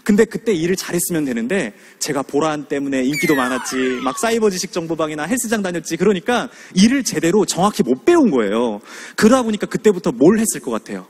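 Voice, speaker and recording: A man's voice: a little high, quick pace, hardly any pauses, a little hiss or hum. A man in his thirties from Suwon giving a motivational lecture, telling stories, acting out scenes and asking the audience questions. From Suwon, South Korea. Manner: animated, asks the audience questions, acts out scenes. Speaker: guest lecturer.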